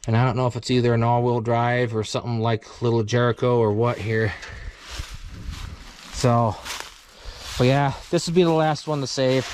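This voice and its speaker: A man's voice: medium pitch, clean tone. A man hosting a casual vlog, rambling and thinking aloud about an old truck he found, with lots of fillers. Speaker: channel host.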